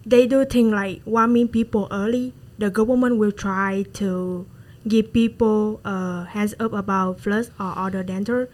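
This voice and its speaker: A woman's voice: medium pitch, steady tone, unhurried, a little mellow, rough recording. A woman from Vietnam with a Vietnamese accent, talking in a student discussion and searching for words in plain, chatty phrases. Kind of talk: student discussion role-play.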